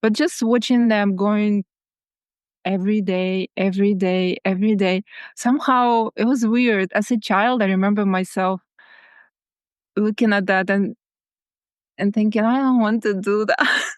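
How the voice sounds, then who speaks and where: A woman from Ukraine with a Ukrainian accent, speaking reflectively as a guest in a podcast interview, often repeating words and laughing softly. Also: mid-range voice, fairly even intonation, unhurried, pauses often, clean tone, no echo, clean studio sound. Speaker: guest artist.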